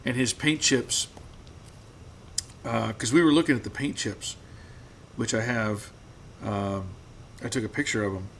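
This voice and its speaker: This garage livestream host responds to his viewers' comments at a relaxed, halting pace, often repeating himself. His mid-range voice is getting hoarse from hours of talk, and there's some background noise.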